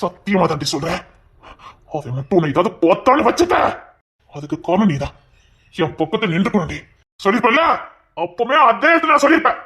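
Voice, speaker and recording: Guy doing a jealous bossy husband in an audio drama, kinda high voice, talks fast and bright, scolds a lot. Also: big pitch swings, exaggerated voice. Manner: stern, scolding, possessive. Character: possessive, hot-tempered young husband. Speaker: voice actor in an audio serial.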